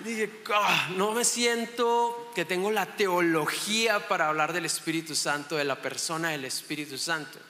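A guest preacher in his thirties from Chihuahua, Mexico, with a northern Mexican accent, gives a casual sermon in a church hall, chatty and self-joking and often restarting his sentences. His voice is on the high side and sharp, at normal speed with few pauses. The hall is echoey with long reverb, and there's slight background noise.

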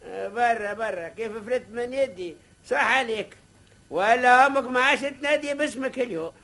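Old radio show comedy, fussy Hajj, Tunisian accent, very high voice, scolding, theatrical, argumentative. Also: male voice, brisk, bright, forceful tone, exaggerated voice. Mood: agitated. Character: Hajj, a fussy, scolding man given to taunts.

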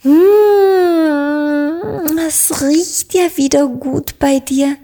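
A woman voicing a proud, cheerful little witch girl who exclaims loudly in a storybook reading. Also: medium pitch, takes it slowly, voice pushed up.

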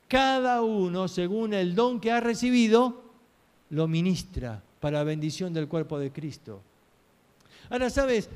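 A man's voice: sits high, clear, resonant tone. A man preaching a sermon, telling stories earnestly and asking rhetorical questions.

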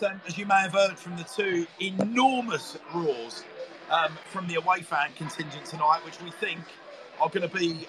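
Man, high voice, football host, chatty and wordy, noisy stadium background. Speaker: football commentator and interviewer. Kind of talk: live football commentary and chatty interview. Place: football ground commentary box. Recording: noisy live stadium broadcast, clear background noise. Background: stadium ambience.

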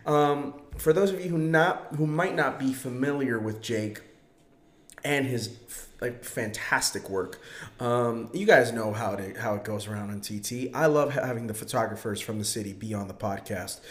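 Man, podcast host, nasal, congested with a cold, emphatic slangy chat, medium pitch, echoey room. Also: moderate pace, a bit bright. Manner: emphatic, slangy, bro-style address. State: getting over a cold. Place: home dining room, indoors. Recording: roomy echoing indoor sound.

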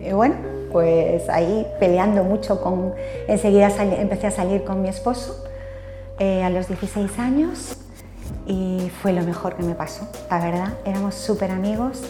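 Older spanish lady sharing her faith story, halting, lots of "eh", echoey room. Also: medium pitch, music in the background. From Spain. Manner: hesitant, many fillers and tag questions. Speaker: interview guest. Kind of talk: personal faith testimony.

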